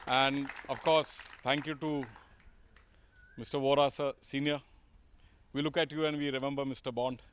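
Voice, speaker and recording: A man's voice: medium pitch, little pitch movement, normal speed, long pauses, fairly bright tone. Indian man giving informal thanks, faint noise. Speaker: alumni society president. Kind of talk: informal thank-you speech. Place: outdoor school playing field.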